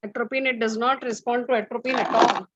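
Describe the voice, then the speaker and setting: A woman's voice: fairly high pitch, steady tone, fast, heavy background noise. A woman chairing a formal session and firmly correcting speakers. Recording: dull, dry video call audio.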